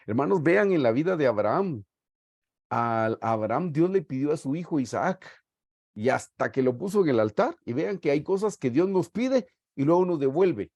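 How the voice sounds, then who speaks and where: Over a video call mic, a middle-aged man from Guatemala teaches Scripture in an earnest preaching style, telling stories with pastoral warmth and frequently calling his audience "hermanos" (brothers). He speaks at a normal speed in a slightly high, sing-song voice. The sound is dry and lo-fi.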